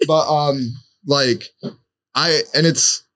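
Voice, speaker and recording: A man's voice: a little high, extremely slow, fairly bright tone, soft background music. A man chatting loosely as a podcast guest, rambling with lots of filler words. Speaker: guest, social media creator. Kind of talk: casual podcast chat.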